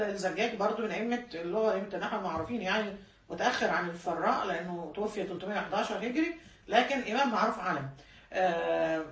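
A woman with an Egyptian Arabic accent teaches a lesson at a brisk clip, her voice set a little high. She explains patiently, repeats key points and corrects herself mid-word. She is heard from a distance in an echoey room. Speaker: religious studies teacher. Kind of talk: classroom lecture.

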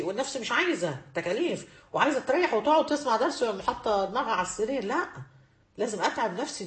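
Egyptian lady preaching a lesson to women super fast, keeps repeating herself for emphasis, echoey room. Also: mid-range voice. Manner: emphatic, repeats key phrases. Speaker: religious teacher.

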